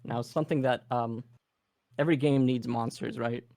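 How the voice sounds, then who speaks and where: A man with a Canadian accent giving a relaxed live workshop demo, thinking aloud with many fillers. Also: mid-range voice, moderate pace, gravelly, no room sound. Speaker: game audio presenter.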